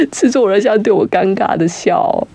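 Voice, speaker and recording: A young man, guest-hosting a casual radio chat in a studio, talking fast and rambling with nervous restarts. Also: high-pitched, big pitch swings, gravelly, darkish tone, husky. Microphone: studio mic with headphones.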